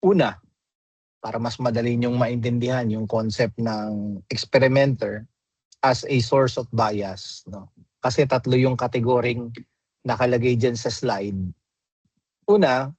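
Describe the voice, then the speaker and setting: A man lectures slowly to a graduate class, his voice a little husky. He explains step by step and keeps checking in with his students through tag questions. The sound is dry and dull, like lo-fi video-call audio. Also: medium pitch, darkish tone, no room sound. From Philippines. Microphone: computer mic in a video call.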